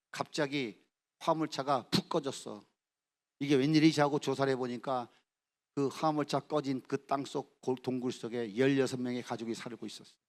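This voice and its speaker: A middle-aged man preaching at a youth camp service, telling the story dramatically and acting out the characters' lines, swinging from shouts to hushed near-whispers. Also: mid-range voice. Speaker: pastor. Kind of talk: sermon.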